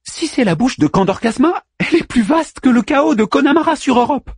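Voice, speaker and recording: A man voicing a small, plucky male robot sailor in an audiobook, in a high, excited and emphatic voice. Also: a little fast, breathy edge, no room sound, studio quality, exaggerated voice. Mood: urgent, eager.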